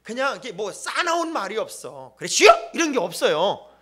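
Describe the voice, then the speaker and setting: A male pastor delivers a lively sermon in a bright, high voice that leaps up and down in pitch. He jokes with the congregation, booms out his key points and drops to near-whispers for asides. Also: moderate pace, breathy edge. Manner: animated, joking and emphatic, swings between loud exclamations and hushed asides. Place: church sanctuary.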